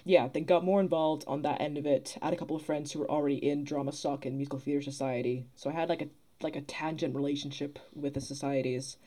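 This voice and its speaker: A young woman with a deep, warm, steady voice talks quickly with few pauses. She's a podcast guest who works as a theatre producer and actor, and in this casual interview chat she's reflective and articulate, explaining things at length.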